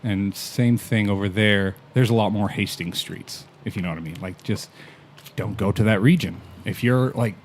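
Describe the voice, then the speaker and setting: This Canadian podcast guest has a fairly low-pitched voice and a moderate pace, with a little hiss or hum in the recording. He chats casually, spinning relaxed stories, laughing a lot and cursing from time to time.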